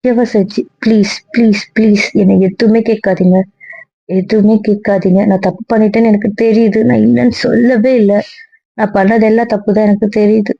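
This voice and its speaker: A woman's voice: medium pitch, steady tone, fairly quick, husky, no echo, highs cut off. A woman voicing a remorseful young woman who pleads and defends herself in an amateur audio drama. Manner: pleading, guilt-ridden.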